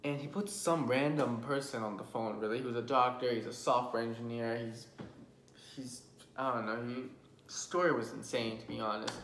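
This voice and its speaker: A man's voice: mid-range voice, steady tone, moderate pace, a bit bright. A young man in his twenties telling a personal story to camera in an earnest, emotional vlog, stumbling and restarting often. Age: 20s. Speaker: vlogger. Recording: roomy with faint background hum.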